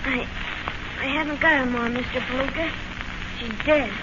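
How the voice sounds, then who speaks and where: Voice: sits high, steady tone, moderate pace, lightly acted. A performer playing an eager, devoted nine-year-old boy in an old-time radio drama, earnest and plaintive, speaking in boyish slang. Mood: earnest, wistful. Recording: noisy, muffled old radio recording.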